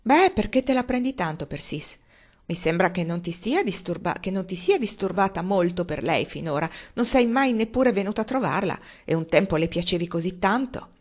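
A woman reading aloud as a loud, gruff, hard-drinking old man who blusters and scoffs. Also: expressive, moderate pace, lightly acted. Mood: blustering. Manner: booming and blustering.

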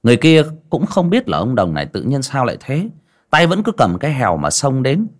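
A man narrating a folksy story in an expressive, vivid way. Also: medium pitch, brisk.

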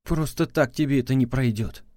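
A man's voice: mid-range voice, moderate pace, a little mellow, no room sound, clean studio sound, pitched above the performer's own voice, lightly acted. A man voicing a furious, hysterical young woman who shrieks accusations and verges on tears. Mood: tearful.

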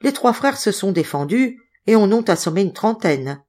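A woman's voice: medium pitch, very animated, moderate pace, a little mellow, voice pushed up. A woman reading an audiobook, voicing a bold, cunning old female servant who talks brashly and emphatically. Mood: insistent.

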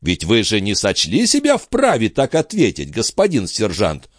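A man reading aloud, voicing a calm, ironic orator who lectures a crowd in a measured, gently mocking way. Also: fairly low pitch, no echo, studio quality.

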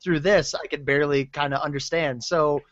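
A man's voice: fairly high pitch, steady tone, normal speed, a bit bright, no echo, lo-fi sound. A man co-hosting a podcast, offering his take on a TV episode with hesitant, filler-heavy phrasing. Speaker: podcast co-host. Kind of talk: casual TV episode discussion.

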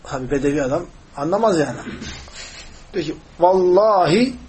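A man's voice: high voice, a little fast, slight background noise, low-quality recording. A man teaching a hadith lesson, explaining step by step, asking his class questions, and reciting Arabic passages. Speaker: religious teacher.

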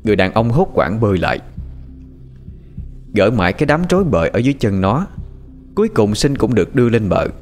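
A man narrating a scripted story in an animated, expressive way. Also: fairly low pitch, a little fast, long pauses, faint music behind.

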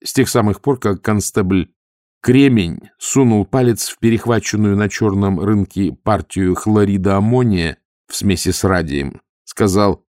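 A man reading an audiobook aloud in a lively, theatrical way. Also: lowish voice, measured pace, no echo, clean studio sound. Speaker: audiobook narrator.

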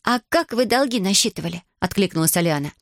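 A woman's voice: medium pitch, fast, dry recording, studio quality, lightly acted. A woman voicing a determined young orphan girl who stands up to her stepmother, speaking firmly and pointedly, read for an audiobook. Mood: defiant. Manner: firm, pointed and steady.

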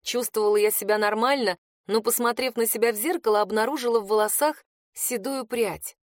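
A woman's voice: on the high side, a little fast, dry recording. Woman narrating an audiobook, dry sound. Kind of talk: first-person fantasy audiobook narration. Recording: dry close studio sound.

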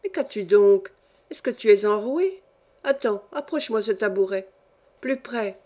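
A woman's voice: mid-range voice, animated, a little slow, warm tone, natural voice. A woman reading a story aloud, voicing an imperious, capricious old countess who scolds and gives orders in a peevish, querulous way.

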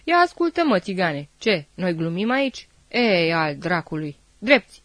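A woman's voice: fairly high pitch, sing-song, no room sound, pitched above the performer's own voice. A woman voicing a harsh, short-tempered male army captain who barks orders and mocks, in a dry studio read. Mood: furious. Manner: barking, mocking, commanding.

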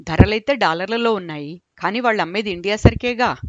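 A woman voicing an elderly father who grumbles loudly and argues with his son about prices. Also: sits high, brisk, dry recording, highs cut off, natural voice. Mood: argumentative. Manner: grumbling, argumentative.

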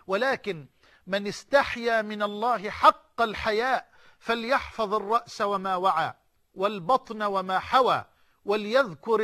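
A man's voice: sits high, sharp tone. A middle-aged man with an Egyptian accent preaching a sermon, fervent and repeating phrases for emphasis, mixing formal speech with colloquial asides.

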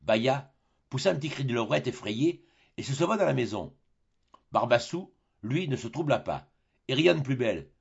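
Gravelly, expressive male audiobook reader. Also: medium pitch, normal speed, muffled recording. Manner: expressive storytelling. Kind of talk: audiobook narration.

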